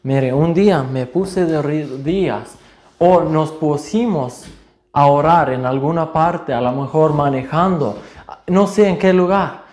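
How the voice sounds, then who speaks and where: A male preacher giving a sermon in a deliberate way, rising to emphatic points. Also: on the high side, darkish tone. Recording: roomy echo.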